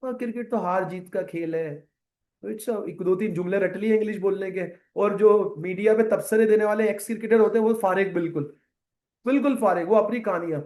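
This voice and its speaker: Animated high-voiced male lecturer. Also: a little fast. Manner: animated, rhetorical questions, mixes English terms into Urdu. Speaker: accounting lecturer. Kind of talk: classroom lecture with side rant.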